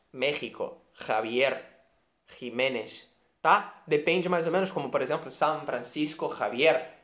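A man's voice: on the high side, a bit bright. A man with a Brazilian Portuguese accent teaching a video lesson, who patiently repeats each sound and keeps checking with the viewer. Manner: often checks understanding with "ok?". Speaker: Spanish teacher.

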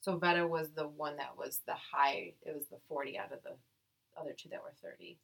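A woman with a fairly low voice co-hosts a podcast in casual chat. She reads text aloud and breaks off into playful, cursing jokes. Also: steady tone, brisk, vocal fry, a bit bright, slightly rough. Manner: playful, profane, jokey asides. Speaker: podcast co-host.

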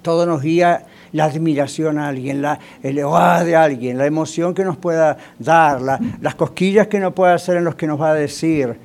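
A man's voice: fairly high pitch, normal speed, vocal fry, few pauses, darkish tone. A male pastor preaching a sermon in a conversational way, often asking the congregation rhetorical questions.

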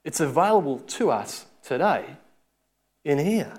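Higher-voiced man preaching with a lisp. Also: sing-song, a little slow, darkish tone. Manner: conversational, informal asides. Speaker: preacher giving a Bible talk. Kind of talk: sermon, expository teaching with scripture reading.

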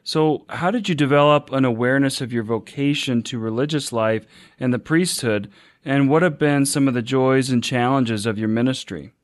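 A man's voice: medium pitch, moderate pace, dry recording, clean studio sound. A man hosting an interview podcast, introducing his guest politely and asking questions. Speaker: podcast host.

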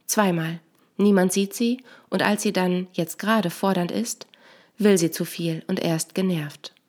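Woman narrating a calm, explanatory story. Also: on the low side, a little slow. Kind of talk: scripted narration.

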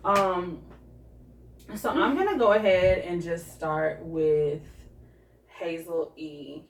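Low-voiced gossipy woman in echoey room. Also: slow pace. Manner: gossipy, shady commentary with asides. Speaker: podcast co-host. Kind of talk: casual chat. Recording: echoey room, far from mic.

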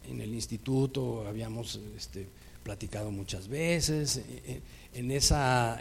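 A man with a Mexican accent preaching a sermon, telling a personal story in a lively way and acting out the dialogue. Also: medium pitch, creaky, a little hiss or hum. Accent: Mexican Spanish.

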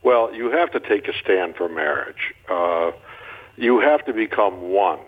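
A man's voice: low-pitched, unhurried. An older man talking as a guest on a radio interview, folksy and joking as he tells stories. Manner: folksy, joking, animated storyteller. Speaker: guest marriage counselor. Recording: tinny phone-line sound.

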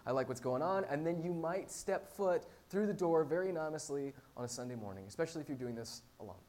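Preaching live to a small church congregation, a male pastor speaks fast and expressively in a slightly high, a little mellow voice. He keeps things informal and conversational, poking fun at himself with humor. A hum and background noise come through clearly.

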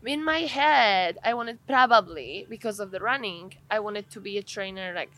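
The audio is poor, but this Polish athlete and trainer comes through in a medium-pitched, fairly bright voice at a moderate pace. She responds to interview questions sincerely, often starting her sentences over as she hunts for words.

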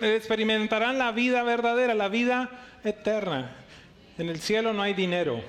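A man's voice: sits high, a bit bright. A middle-aged male pastor preaching a sermon, emphatic, asking the church rhetorical questions.

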